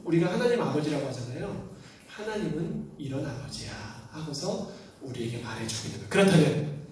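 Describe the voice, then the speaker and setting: Youth pastor guy telling a bible story, acts out the voices, boomy hall echo. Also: a little hiss or hum. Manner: animated storytelling, acting out quoted voices. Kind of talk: youth sermon. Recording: roomy echo, distant mic.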